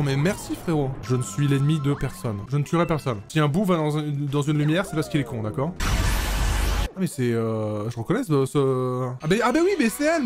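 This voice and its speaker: A man giving casual, joking gameplay commentary as a let's play host, swearing freely. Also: on the high side. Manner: animated, jokey, swears freely. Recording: loud game music behind.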